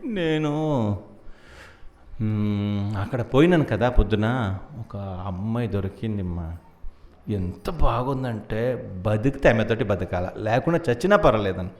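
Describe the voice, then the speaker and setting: A man voicing a lovesick young male god who speaks in a low, hushed, sobbing voice. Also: expressive, slow. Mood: weepy, lovesick.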